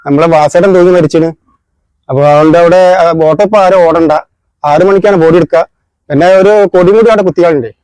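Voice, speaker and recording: An actor playing a neighbour who gently soothes a crying man, repeating his reassurances. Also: fairly high pitch, fast talker, close to an everyday voice, low-quality recording. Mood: soothing. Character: consoling male neighbour. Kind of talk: amateur short film acting. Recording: crowd noise nearby.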